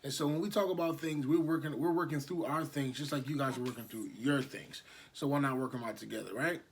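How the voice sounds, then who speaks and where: Man in his thirties, podcast co-host, easygoing, rambling delivery with fillers, medium pitch. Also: fairly even intonation, quick pace, a little hiss or hum. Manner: laid-back, rambling, lots of fillers. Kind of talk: casual chat.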